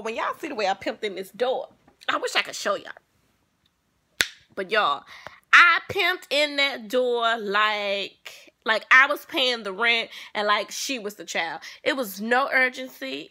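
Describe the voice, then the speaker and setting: A woman vlogger telling a personal story to her viewers in an animated, sassy way. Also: fairly high pitch. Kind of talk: casual storytelling.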